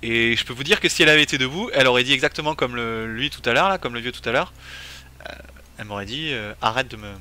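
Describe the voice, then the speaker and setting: A man's voice: medium pitch, fast, sharp tone. A man streaming a game, commenting casually and thinking aloud with many fillers. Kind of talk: casual let's-play commentary.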